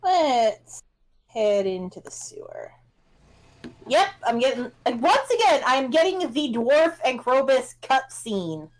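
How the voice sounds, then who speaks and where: A woman casually chatting and joking while streaming a co-op game, playful and animated. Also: high-pitched, takes it slowly, rough recording.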